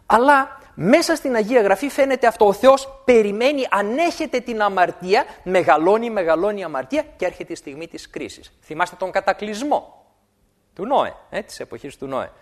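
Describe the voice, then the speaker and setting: Animated high-voiced male preacher. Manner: animated, repeats words for emphasis. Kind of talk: sermon.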